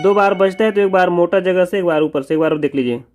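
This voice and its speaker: Music teacher calling out harmonium notes. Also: male voice, high voice. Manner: calls out sargam notes slowly between quick explanations. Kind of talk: harmonium tutorial, naming and singing notes.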